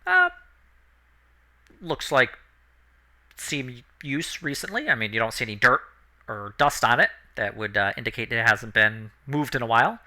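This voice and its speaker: A man narrating as dungeon master of a tabletop game, describing scenes in a relaxed, halting way with many fillers. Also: medium pitch.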